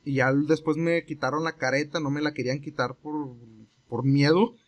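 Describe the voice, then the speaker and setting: A man's voice: a little high, moderate pace. A young Mexican man telling a long story in a casual chat, rambling and acting out the voices of the people in it. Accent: Mexican Spanish. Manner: relaxed, rambling, acts out quoted exchanges.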